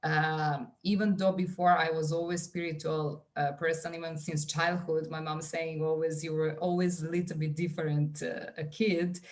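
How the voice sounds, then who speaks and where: With a low-pitched voice, flat delivery, normal speed and few pauses, this woman in her forties talks earnestly as a podcast guest. She is a wellness coach with a Serbian accent, and her conversational interview is full of fillers and restarts.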